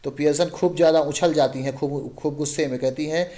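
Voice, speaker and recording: A man's voice: a little high, fairly even intonation, brisk, dark tone. A man teaching a class, reading a play aloud and acting out the characters' lines, switching between English and Hindi.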